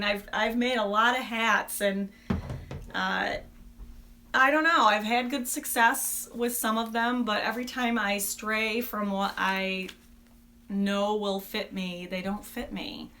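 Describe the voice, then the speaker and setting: A woman's voice: mid-range voice, bright, forceful tone. A woman hosting a casual, unscripted craft podcast, chatting in a rambling, self-deprecating and informal way. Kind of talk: casual, unscripted video podcast chat about knitting.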